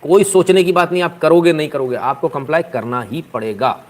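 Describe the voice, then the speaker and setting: Brief: fairly high-voiced male host, sneering sarcastic political commentary. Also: a little fast. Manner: mocking, scornful rant with shifting voices.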